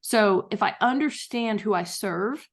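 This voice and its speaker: A woman author appears as a guest on a podcast interview, telling stories enthusiastically and acting out quotes. She has a mid-range voice and a measured pace.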